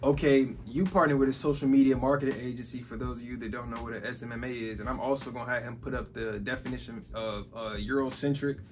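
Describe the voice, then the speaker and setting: A man's voice: mid-range voice, steady tone, quick pace, few pauses. A man in his twenties from Chicago, hosting a casual chat about business and money, easygoing and saying "bro" and "like" constantly. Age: 20s. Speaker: podcast host.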